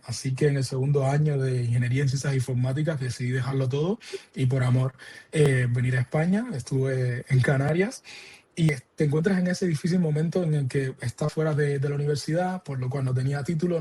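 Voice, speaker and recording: Young man, mellow husky voice, earnest interview guest. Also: medium pitch, fairly even intonation, fast. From Cuba. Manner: earnest, repeating words as he searches for them. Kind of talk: interview answers.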